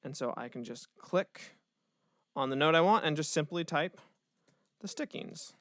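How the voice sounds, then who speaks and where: A man, a music educator, casually walking through a software tutorial step by step, with the odd filler word. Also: on the high side, animated, unhurried, no echo, clean studio sound. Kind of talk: screen-recorded software tutorial.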